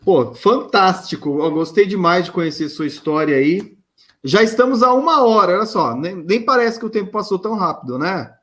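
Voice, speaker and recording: A man hosting a casual live-stream interview, talking in a relaxed, friendly way. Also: high voice, moderate pace.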